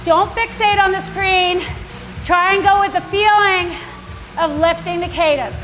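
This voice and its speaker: A woman's voice: extremely high pitch, fairly even intonation, a little slow, a bit bright. A woman indoor cycling coach leading a workout with encouraging, projected cues and countdowns. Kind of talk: workout class instruction with countdowns. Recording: echoey room with music playing. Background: workout music.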